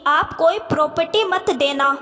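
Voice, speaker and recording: A woman's voice: high voice, measured pace, sharp tone. A woman voicing a hurt young married daughter who hesitantly confides her troubles, in a reverberant room. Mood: resolute.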